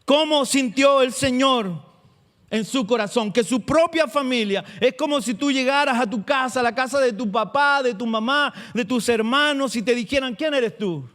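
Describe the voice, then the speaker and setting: A male pastor preaching a sermon, asking the congregation questions and slowing down to stress key words. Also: very high voice, fairly bright tone.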